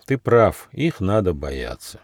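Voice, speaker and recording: A man voicing a chubby, gentle, timid male koala cub in a storybook, drawn out and sing-song. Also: low voice, very animated, slow, dry recording, clean studio sound, heavily acted. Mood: frightened.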